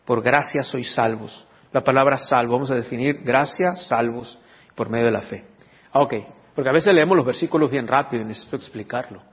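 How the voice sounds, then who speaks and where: A husky male pastor teaches his congregation, often stopping to ask whether they follow. His voice rings with a long reverb through a church hall, and the recording is dull. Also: mid-range voice, a little fast. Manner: teaching, asks the congregation questions. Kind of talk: sermon.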